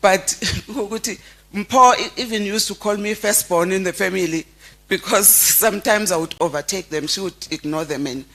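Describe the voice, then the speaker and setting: A middle-aged South African woman, a close family friend, giving a heartfelt memorial tribute and telling stories with frequent halting restarts. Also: mid-range voice, pushed and bright. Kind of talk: memorial eulogy.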